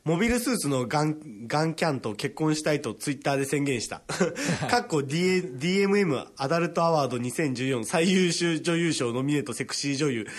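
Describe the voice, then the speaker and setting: A man hosting a comedy radio talk show, reading listener submissions quickly and laughing often as he teases his co-host. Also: a little high, expressive. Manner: fast, laughing often, playful teasing.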